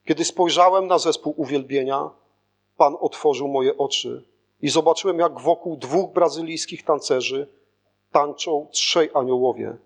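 A man whose voice runs a bit higher than average for men narrates a first-person spiritual testimony as an audiobook narrator. His scripted reading is earnest, steady and a little slow.

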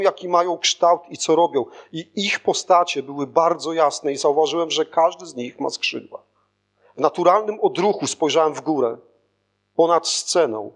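A man reading a first-person spiritual testimony aloud as scripted narration, in an earnest, steady manner. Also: fairly high pitch. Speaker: audiobook narrator.

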